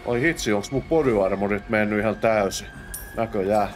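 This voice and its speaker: Faint music plays behind a young Finnish man whose voice sits on the low side. Hosting a let's play, he offers casual commentary, mumbling to himself and bursting out with exclamations when fights break out.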